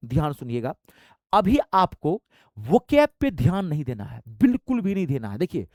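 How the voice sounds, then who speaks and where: A man gives a motivational exam-prep lesson, emphatic and exhorting as he talks straight to weak students. His pitch swings widely between high bursts and low asides. The sound is dry and close, with no room around it. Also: no room sound. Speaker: exam coaching teacher.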